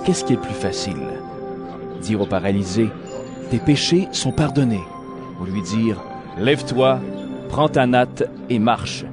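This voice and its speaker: An actor playing Jesus as a firm, solemn and authoritative teacher in an audio Bible drama. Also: male voice, lowish voice, expressive, a little slow, long pauses. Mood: firm, challenging. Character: Jesus, authoritative adult male healer and teacher. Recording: voice over clear background music.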